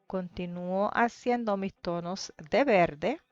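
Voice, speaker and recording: A woman narrating a painting tutorial in a calm, explanatory way, pausing often with hesitations as she describes each step. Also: medium pitch, no echo. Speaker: painting teacher. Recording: dry, dull lo-fi voice-over with faint music.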